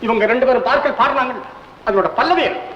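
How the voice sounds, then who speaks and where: A man's voice: very high-pitched, fast talker, a little hiss or hum. An actor playing a stern, hot-tempered older father who scolds and interrogates his family. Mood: interrogating. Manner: gruff, scolding, blustering. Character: stern hot-tempered old father with high blood pressure. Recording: muffled old film soundtrack with reverb.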